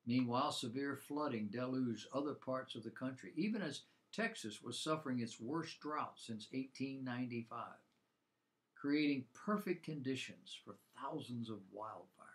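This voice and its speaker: A man presenting a scripted Bible program, mixing commentary with rhetorical questions and an emphatic delivery. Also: medium pitch.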